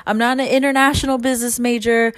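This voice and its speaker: A woman's voice: fairly high pitch, flat delivery, fast talker. A woman in her twenties hosting a casual solo podcast, talking candidly and frustrated, swearing often and laughing in places. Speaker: podcast host.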